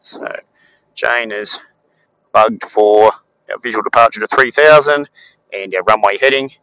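A man, a pilot calmly explaining the autopilot from the cockpit over a headset. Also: fairly low pitch, a little slow, dry recording, lo-fi sound. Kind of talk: cockpit walkthrough narration. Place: small aircraft cockpit in flight.

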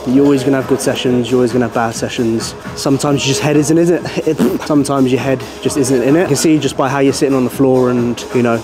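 A British man in his thirties chatting casually and bluntly in a gym, coaching and motivating with plenty of swearing. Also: mid-range voice. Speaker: fitness vlogger and coach. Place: indoor gym. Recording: music playing behind speech.

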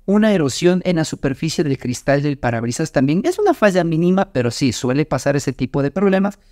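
A man's voice: on the high side, sing-song, brisk, darkish tone, dry recording, studio quality. A man, co-hosting a casual car chat in a friendly way. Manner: friendly, addresses partner as amigo. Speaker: co-host. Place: small studio set with brick wall. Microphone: desk microphone.

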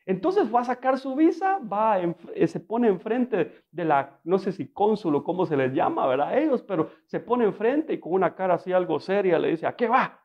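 A man's voice: sits high, big pitch swings, moderate pace, hardly any pauses, dull audio. A male pastor preaching a sermon in a conversational, storytelling way, often asking his listeners rhetorical questions and adding humor.

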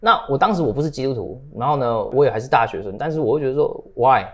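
A man's voice: mid-range voice, animated, quick pace. A man in his thirties co-hosting a casual talk show, telling stories with English phrases mixed in. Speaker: co-host. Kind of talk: casual political chat.

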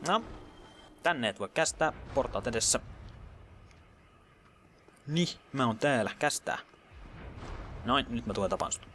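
A man talks over his gameplay in a casual, chatty stream of commentary. His voice sits at a middling pitch and now and then drops to muttered whispers, with English slang slipped in. A faint hiss of background noise runs beneath. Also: expressive, pauses often, a bit bright. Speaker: let's play gamer.

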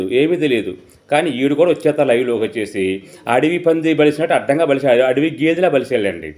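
A man's voice: on the high side, darkish tone. A man hosts a live online debate in a slightly raised voice. He mocks his targets without letup and trades in crude insults and sneers. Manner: abusive, sneering, full of insults. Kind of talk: mocking live-stream commentary.

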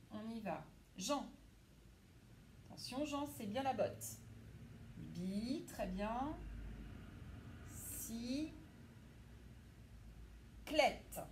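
Woman teacher, slightly high voice, slow and clear with small children, faint noise behind. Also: darkish tone. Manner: slow, clear and encouraging, praising pupils by name. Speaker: primary school teacher. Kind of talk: recorded class lesson for young children.

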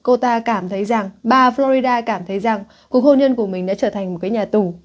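Her pitch is fairly high and her delivery a little fast. In an exam-prep class, this Northern Vietnamese-accented English teacher pronounces each English word first, then explains it, frequently asking whether students are keeping up.

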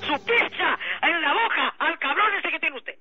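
A man on a landline phone call, furiously yelling insults in a heated argument. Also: very high voice, animated, normal speed. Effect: heard over a landline phone. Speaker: prank call victim. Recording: muffled noisy phone line.

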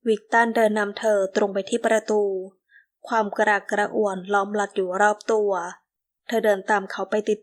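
A woman giving scripted, measured narration of a romance novel. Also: medium pitch. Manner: measured, steady storytelling. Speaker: audiobook narrator.

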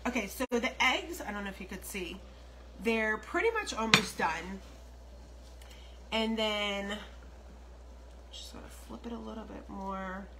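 Her voice is medium in pitch and expressive: a middle-aged American woman who hosts casual cooking livestreams, talking to her online audience from her home kitchen. She takes her time, wandering off into asides while busy at the stove. Sound comes through a phone propped nearby, amid a noisy kitchen full of sizzling, frying and stirring.

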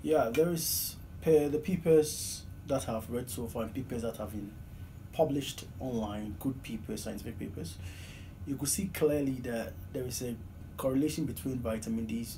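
A Ghanaian man in his thirties answers questions in an earnest, halting way, full of fillers and restarts. His voice sits at an ordinary pitch. He was recorded by a camera across a small office, with clear background hiss. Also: warm tone. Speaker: PhD student guest. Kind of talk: interview answers. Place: small office, seated in desk chair. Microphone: far camera, low angle. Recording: noisy room recording.

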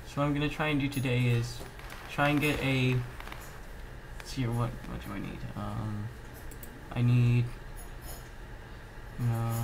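In a homemade clip with clear noise behind him, a medium-pitched man hosting a gaming channel narrates gameplay casually. He's slightly under the weather, speaking in halting bursts and partly muttering to himself.

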